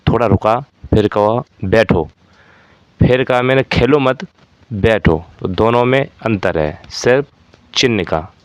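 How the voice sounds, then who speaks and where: Low-voiced man teaching grammar. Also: clear, resonant tone, dry recording. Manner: explains step by step with repeated examples. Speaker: Hindi teacher for exam preparation. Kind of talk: classroom-style lesson explaining grammar.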